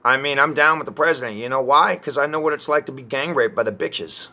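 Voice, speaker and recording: A man ranting to camera in an agitated, profane way, often halting and restarting. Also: medium pitch, pushed and bright. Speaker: vlogger.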